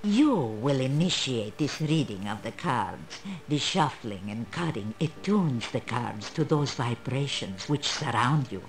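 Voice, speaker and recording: Old female fortune teller, video game character, slow solemn delivery, sweeping intonation, mysterious, proud. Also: very deep voice, expressive, exaggerated voice.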